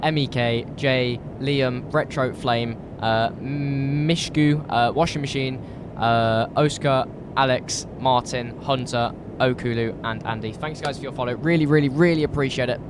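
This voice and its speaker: A British man with a slightly croaky voice from a cold, chatting informally and thinking aloud as he live streams a flight sim. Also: mid-range voice, fairly even intonation, measured pace, background noise. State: recovering from a cold. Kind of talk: casual live stream chat while flight simming.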